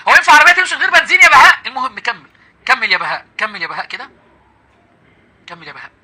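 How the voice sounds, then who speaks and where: An Egyptian man hosts a heated live call-in, taunting his caller with mocking laughter. His speech races along at a very fast clip. His voice is high and sharply bright. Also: big pitch swings. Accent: Egyptian Arabic. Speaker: live-stream host. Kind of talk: confrontational live call-in debate.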